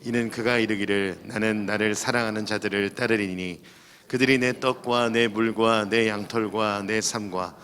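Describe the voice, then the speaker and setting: Low male voice reading scripture in a hall. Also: steady tone, a bit bright. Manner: slow, solemn reading. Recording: reverberant hall, off-mic.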